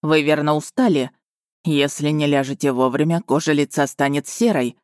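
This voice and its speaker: A man voicing a commanding wolf lord who speaks steely, calm and sardonic in an audiobook. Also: a little high, moderate pace, dry recording, clean studio sound, close to an everyday voice. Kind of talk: audiobook dialogue reading.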